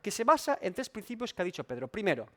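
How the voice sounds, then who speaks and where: Emphatic high-voiced pastor. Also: male voice, very animated, fast talker, bright, forceful tone. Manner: emphatic, repeats and rephrases points, asks rhetorical questions. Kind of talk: expository Bible study sermon.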